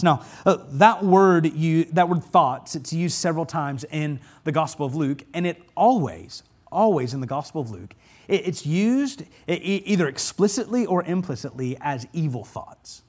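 A male pastor preaching a sermon in an earnest way, often repeating words and asking the congregation "right?". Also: sits high.

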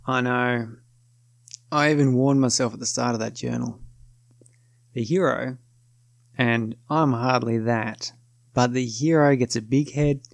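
A man's voice: medium pitch, vocal fry, a little mellow, dry recording. An Australian man narrates in first person with a wry, confiding, self-deprecating tone. His voice sits in a middle register. The recording is close and dry, with no room around it.

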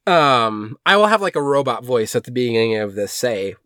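A man's voice: mid-range voice, very animated, normal speed, sharp tone, dry recording, clean studio sound. A man co-hosting a podcast, recapping movies in a casual chat and rambling with lots of fillers and restarts. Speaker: podcast co-host.

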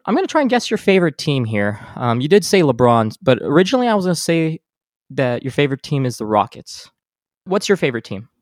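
A man's voice: fairly high pitch, very animated, fast, no echo. Easygoing male podcast host, dry sound. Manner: easygoing, chatty, asks playful questions. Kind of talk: casual interview chat.

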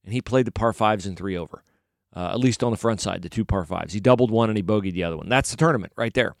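A man's voice: on the low side, fast, vocal fry, no echo, studio quality. A middle-aged man giving casual, opinionated solo sports commentary, rambling and correcting himself as he goes.

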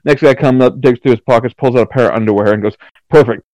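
Man in mid pitch, dry close sound. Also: fairly even intonation, rapid-fire, a little mellow, no room sound, low-quality recording. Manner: laughing, stumbling, self-mocking. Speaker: podcast co-host. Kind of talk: casual joke-telling chat.

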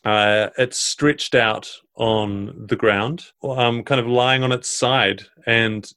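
A man's voice: medium pitch, steady tone, slow, pushed and bright, clean tone. A man improvising the narration of a tabletop game as its game master.

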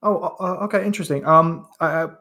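A man's voice: on the high side, fast, bright, forceful tone. A man hosting a casual interview podcast, eager and often stumbling over his words. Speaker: podcast host.

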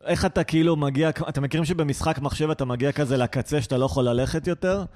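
A man's voice: a little high, a little mellow. A man hosting a comedy podcast in casual chat, playful and wry, who steers the conversation.

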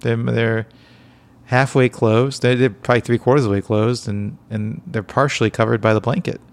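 A man co-hosting a casual comedic podcast, talking in a quiet, low-key late-night way with a halting, rambling, dry joking delivery. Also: steady tone. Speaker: podcast co-host.

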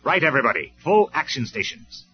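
A narrator voicing a stern, commanding male robot leader in a cassette story, speaking in measured, forceful tones. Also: fairly low pitch, lively intonation, lightly acted. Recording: dull lo-fi cassette recording.

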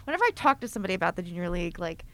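A woman's voice: lowish voice, sing-song, rapid-fire, fairly bright tone. A woman talking casually and enthusiastically, in an informal promotional chat.

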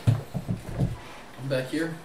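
A man playing a tabletop role-playing game, casually announcing his moves with joking, profane asides. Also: very slow. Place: echoey room. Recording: echoey room, distant mic, noisy.

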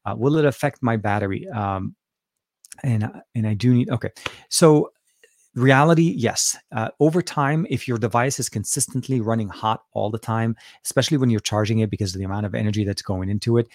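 Answering viewers on a casual live stream, this Lebanese host, whose first language is Arabic, speaks fairly quickly in a mid-range voice with a darkish tone. The sound is dry, since he sits close to a dynamic studio mic in an office, and his speech is full of fillers and restarts.

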